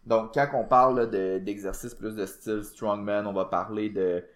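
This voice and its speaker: A podcast co-host and powerlifting coach with a Québécois French accent explains training casually on a fitness show, using lots of fillers and English gym terms. His voice is lowish, with fairly even intonation and a moderate pace.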